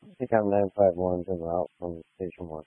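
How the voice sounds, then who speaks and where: A man's voice: deep voice, steady tone, moderate pace, dry recording. A man calling in over a police and fire scanner radio, giving clipped unit codes in a brief, matter-of-fact way. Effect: police and fire scanner radio transmission. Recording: tinny dry radio band.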